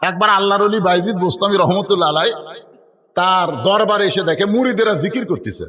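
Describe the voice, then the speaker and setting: A man's voice: high voice, a little fast, a bit bright, long reverb tail. A man from Bangladesh, telling stories in a sermon and calling on the crowd to answer aloud. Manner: storytelling preacher who keeps calling on the crowd to answer aloud. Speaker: preacher. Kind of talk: sermon at an open-air religious gathering.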